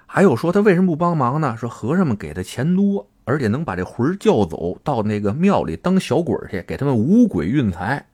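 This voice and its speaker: A man, hosting a podcast and telling a story in a casual, animated, colloquial way. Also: medium pitch, a little fast, hardly any pauses, husky. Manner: animated, colloquial, acts out characters' lines. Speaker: podcast host.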